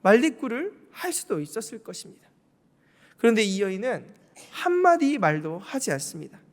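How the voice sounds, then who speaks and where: A man's voice: sits high, very animated, moderate pace. A male pastor preaching a sermon, telling the story vividly and asking the congregation questions. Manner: storytelling, acting out quotes, asks the congregation questions. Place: church sanctuary. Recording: long hall reverb.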